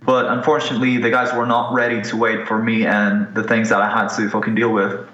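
A Ukrainian musician in his twenties speaks candidly and casually as an interview guest, swearing now and then. His lowish voice is brisk and fairly bright with little pitch movement, and the recording sounds dull and roomy.

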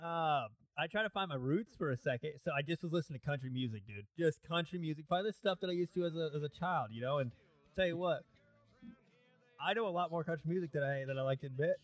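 A man's voice: on the high side, fast, no echo. Rambling, laughing young man, dry close mic. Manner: rambling storyteller, laughs a lot, fillers. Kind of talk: casual chat.

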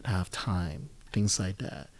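A low-pitched Nigerian man in his thirties talks at a measured pace as a guest, reflective and casual, rambling with lots of fillers and restarts. A crowd can be heard in the background.

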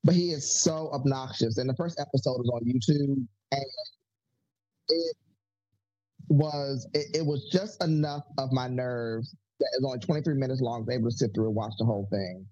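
A man's voice: mid-range voice, moderate pace, darkish tone, no room sound. A man co-hosting a casual chat, sassy and dramatic, swearing freely. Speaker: podcast co-host. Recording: dull lo-fi sound.

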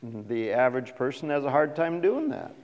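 A middle-aged man preaching a sermon as a pastor, animated and asking the congregation questions. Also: mid-range voice, normal speed, lo-fi sound. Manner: animated, acts out quoted voices, asks the congregation questions. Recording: reverberant hall.

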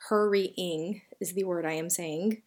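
Low-voiced Southern woman hosting a podcast. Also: normal speed. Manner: chatty and reflective, with many fillers and self-corrections. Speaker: podcast host. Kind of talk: solo podcast talk.

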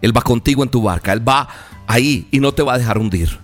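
A man preaching a sermon, retelling a story vividly with dramatic pauses. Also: medium pitch. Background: soft music.

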